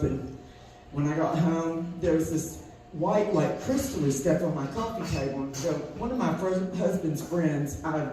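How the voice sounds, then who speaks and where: A woman's voice: sits low, mellow. A middle-aged woman doing stand-up storytelling, chatty and self-amused, laughing often at her own tales. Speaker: stand-up comedian. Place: comedy club stage. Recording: echoey room from distant mic with faint noise.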